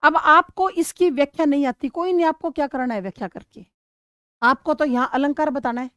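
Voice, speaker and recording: A woman teaching a grammar lesson for exam preparation. She asks her students questions and answers them herself, repeats key words and sounds out words slowly to show where the stress falls. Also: high-pitched, a bit bright, no room sound, highs cut off.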